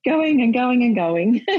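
Chatty middle-aged woman, husky. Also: on the high side, no room sound, narrow, tinny audio. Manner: chatty, laughs often, earnest. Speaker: maternal and child health nurse and volunteer. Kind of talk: casual interview chat.

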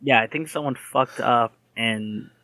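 A young man recaps a show on a podcast, often restarting his sentences and swearing bluntly. His voice sits at an ordinary pitch. The recording is dry and close. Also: unhurried, bright, forceful tone, no echo. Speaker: podcast co-host. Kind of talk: casual anime recap chat.

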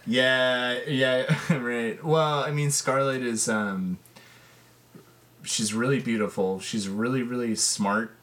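A man co-hosting a podcast in casual chat, laid-back and quick to laugh. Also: mid-range voice, fairly even intonation, fairly bright tone. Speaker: podcast co-host.

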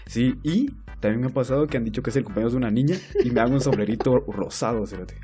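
A man's voice: mid-range voice, fast talker, warm tone, faint music behind. A young man with a Guatemalan accent co-hosting a podcast, trading crude, slang-heavy jokes and laughing often. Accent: Guatemalan Spanish. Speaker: podcast co-host. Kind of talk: casual chat.

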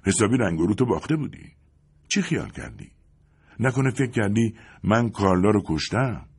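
A man's voice: fairly low pitch, lively intonation, darkish tone, slightly rough, voice pushed up. A man voicing a smug, mocking male neighbor who taunts with a sneer in a story reading. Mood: taunting. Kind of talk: audiobook character voice.

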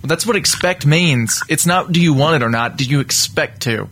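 A man hosting a casual podcast chat, excitable and teasing. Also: on the high side, normal speed, noisy background. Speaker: podcast host.

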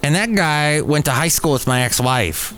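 Expressive and fairly high-pitched, a man comments on entertainment news at a moderate pace on his solo podcast, with a fairly bright tone and a wry, opinionated slant. The recording carries clear background noise and ambience.

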